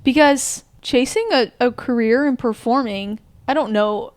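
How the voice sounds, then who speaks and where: Smooth-voiced earnest young woman. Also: a little high, unhurried, dry recording. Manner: earnest, heartfelt, thinks aloud with many "like"s. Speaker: podcast co-host. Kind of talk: casual reflective chat.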